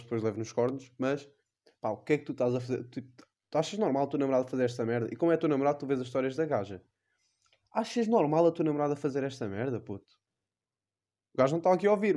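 A young man with a European Portuguese accent riffs through a comic podcast monologue. He is rambling, slangy and crude, full of fillers. His voice is mellow and of middling pitch. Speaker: podcast host.

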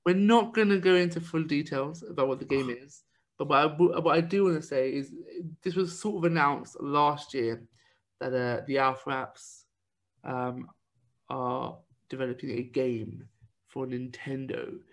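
A man's voice: medium pitch, measured pace. A man co-hosting a casual podcast, rambling with lots of fillers as he chats. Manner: rambling, with many fillers and restarts. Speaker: podcast co-host.

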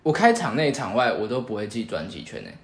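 Fast-talking, animated young Taiwanese man. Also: lowish voice, gravelly. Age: young adult. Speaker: podcast co-host. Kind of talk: casual chat. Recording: roomy, echoing indoor sound.

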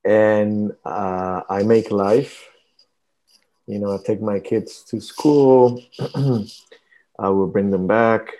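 Slow, dark-voiced pastor from Costa Rica. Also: male voice, fairly low pitch, fairly even intonation. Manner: hesitant, many fillers and restarts. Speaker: pastor, guest. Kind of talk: casual interview talk.

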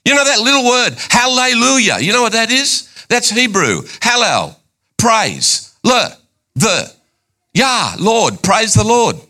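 An older man preaches with a bright, forceful edge to his somewhat high voice. He gets excited and climbs into high emphatic bursts, then drops back to quiet, intimate confession. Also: takes it slowly. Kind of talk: sermon.

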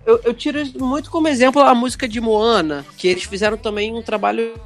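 A man's voice: extremely high pitch, quick pace. A man in casual podcast talk, earnestly explaining a point about film dubbing.

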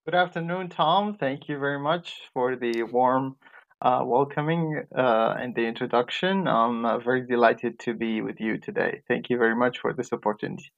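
A man's voice: medium pitch, normal speed, creaky. A young man from Iraq, raised in Jordan, answering interview questions with many fillers and restarts. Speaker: guest, medical graduate. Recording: dull lo-fi sound.

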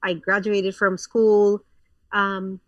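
A woman's voice: medium pitch, level tone, takes it slowly, no echo, far from the mic, highs cut off. A woman in her thirties from Colombia, a pastor, talking frankly as a guest in a casual interview, with lots of fillers and restarts.

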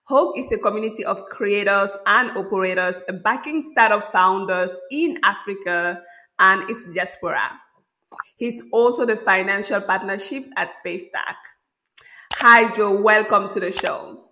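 A woman speaks as the host of an interview podcast. Her voice is bright and crisp-edged, sitting at a middling pitch. She phrases questions in a loose, chatty, conversational way. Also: measured pace, slight background noise, rough recording. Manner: informal, chatty.

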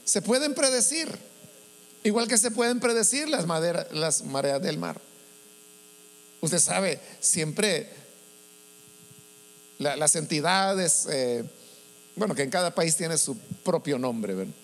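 A man's voice: on the high side, animated, takes it slowly, long pauses. A man preaching to a congregation, asking rhetorical questions and acting out the voices he quotes. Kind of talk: sermon to a congregation. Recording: long hall reverb with mains hum.

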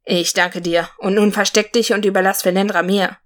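A woman's voice: mid-range voice, level tone, moderate pace, lightly acted. A woman voicing a brave, earnest male forest warrior in a storybook reading. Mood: solemn. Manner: earnest, solemn speech.

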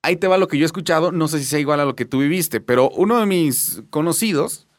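A man's voice: on the high side, quick pace, no room sound, clean studio sound. A man with a Mexican accent, chatting casually and joking, with a lot of fillers. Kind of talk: casual chat.

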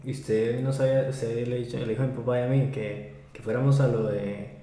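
A man's voice: mid-range voice, fairly even intonation, a little fast, warm tone. A man with a Costa Rican Spanish accent chatting casually on a podcast, peppering his talk with slang. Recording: echoey room, faint noise.

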